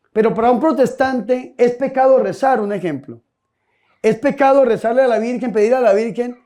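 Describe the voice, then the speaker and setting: A man's voice: very high-pitched, mellow. A priest giving a humorous sermon, telling folksy stories and asking his listeners direct questions.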